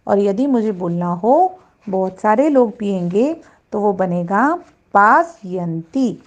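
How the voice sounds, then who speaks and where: A woman's voice: mid-range voice, lively intonation, slow, muffled recording. A woman teaching a Sanskrit grammar lesson to children, patiently reciting verb forms one by one.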